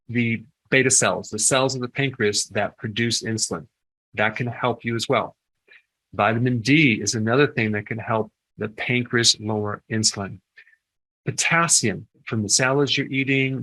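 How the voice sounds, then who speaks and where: An older man with a bright, forward voice gives a list of health tips in a loose, conversational way. He keeps checking in with the listener, asking "okay?" between points. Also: mid-range voice, rough recording. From United States. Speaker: health educator giving tips. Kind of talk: informal health advice talk.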